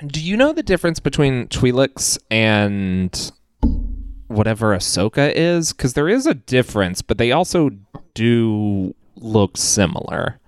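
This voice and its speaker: A man's voice: medium pitch, very animated, measured pace, clear, resonant tone, no room sound, clean studio sound. A man chatting casually as a podcast guest, rambling and self-deprecating, and swearing now and then.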